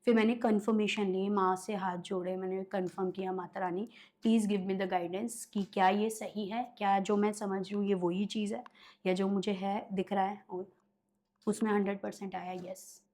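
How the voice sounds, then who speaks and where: A woman's voice: medium pitch, little pitch movement, normal speed, darkish tone. A woman guest telling stories in a conversational interview, animatedly acting out her clients' voices in quotes. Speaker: guest, occult healer.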